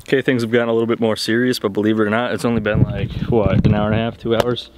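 A young man hosts a car-repair vlog outdoors on a street beside a car, talking to the camera casually and with profanity as he works. His voice is on the low side and level in tone, delivered very fast over background noise.

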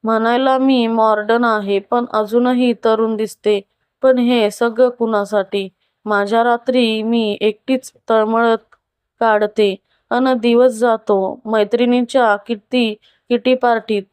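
A woman voicing a wealthy, lonely, unhappy middle-aged wife who confides slowly and from the heart in a storybook tale. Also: fairly high pitch, fairly even intonation, darkish tone, clean tone, no room sound. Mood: bitter confiding.

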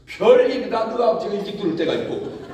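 Animated male preacher in an echoey hall. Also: high-pitched, fast talker. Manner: animated storytelling with mimicked voices and laughter. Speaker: pastor. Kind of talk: humorous revival sermon. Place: large church hall. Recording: echoey church hall, picked up from far off.

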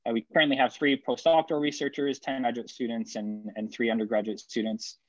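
A man's voice: medium pitch, little pitch movement, fairly quick, no echo, muffled recording, soft background music. A man from El Salvador who grew up in Ohio, giving a conference talk over a video call, with many fillers and repeated words. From El Salvador, raised in Ohio. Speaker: engineering professor presenting research.

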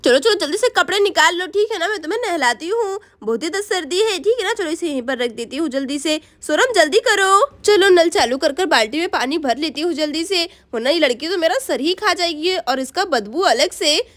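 A woman voicing a busy village mother in a doll story, scolding, hurried and fond. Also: very high voice, expressive, a bit bright.

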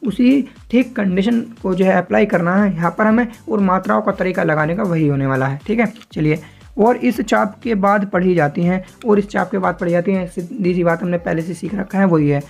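Gravelly-voiced man teaching step by step. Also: high voice, a little fast, hardly any pauses, a little mellow. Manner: patient, repeats points, often asks if it is clear. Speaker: shorthand teacher. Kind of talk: explaining a lesson step by step.

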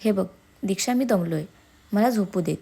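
A woman's voice: medium pitch, moderate pace, warm tone, breathy edge. Woman voicing a stressed young husband. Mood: irritated. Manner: curt, exasperated, then coaxing.

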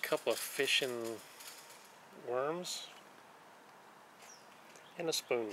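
A man hosting his own channel, calmly walking through the items he found one by one in casual show-and-tell narration, recorded outdoors on a dock. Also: medium pitch, background noise. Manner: plain, unhurried, listing items one by one. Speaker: channel host showing magnet fishing finds. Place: outdoors on a wooden dock by a lake.

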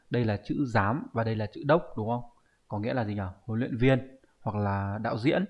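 The recording has its highs cut off as a medium-pitched male Japanese teacher with a Vietnamese accent explains exam answers online. He teaches in an explanatory way, often checking rhetorically whether viewers follow.

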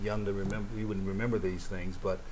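A man's voice: lowish voice, flat delivery, quick pace, crowd noise. A man who works as a TV reporter, a guest in a casual interview, telling stories expressively and chuckling through his remarks.

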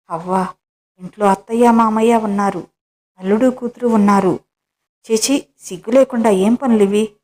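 A woman's voice: mid-range voice, lightly acted. A woman playing a scolding middle-aged wife. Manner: sharp, raised scolding.

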